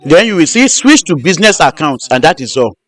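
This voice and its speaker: A man's voice: a little high, sing-song, brisk, a bit bright, a little hiss or hum. A man hosting a live stream, teaching step by step and repeating his instructions. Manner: repetitive, restarts phrases. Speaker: host.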